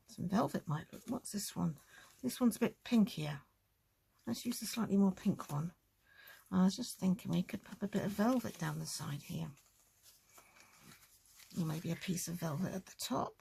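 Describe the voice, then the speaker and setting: A woman's voice: medium pitch, gravelly, darkish tone, slightly rough. A woman hosting a casual crafting tutorial, chatting and thinking aloud as she works.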